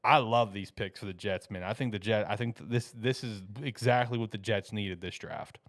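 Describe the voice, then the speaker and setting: A man's voice: fairly low pitch, moderate pace, a bit bright, no room sound, studio quality. A man co-hosting a casual football podcast, enthusiastic and emphatic, often tossing in "man.". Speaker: co-host. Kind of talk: casual sports podcast chat.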